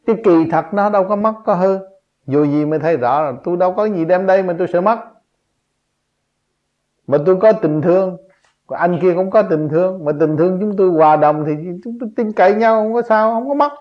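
A man acting as a spiritual teacher gives a spontaneous religious teaching in a high-pitched voice, speaking a little fast. He is emphatic and full of rhetorical questions, and his voice jumps up on key points. The recording is dull and lo-fi.

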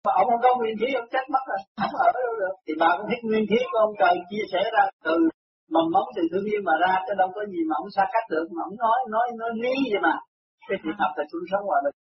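A man's voice: high voice, lively intonation, racing. A man acting as a spiritual counselor who reassures and lectures in casual chat. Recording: muffled recording, faint noise.

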